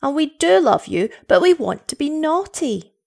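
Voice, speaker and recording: Woman putting on a high, pleading little girl. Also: big pitch swings, normal speed, heavily acted. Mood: insistent pleading. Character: two little girls, tearful, pleading, longing to be naughty.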